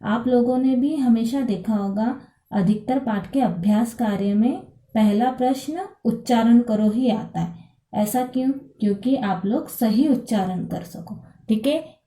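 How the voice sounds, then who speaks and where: A woman teaching a Sanskrit lesson online, talking slowly, checking understanding often, and reading out number words loudly. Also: on the high side, reverberant. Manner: slow, repeats "ठीक है" to check understanding; reads numbers aloud louder, with English equivalents.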